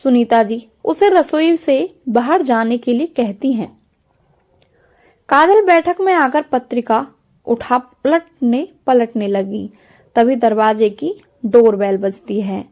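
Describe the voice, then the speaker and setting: A woman narrating a family story in a calm, measured scripted reading. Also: a little high.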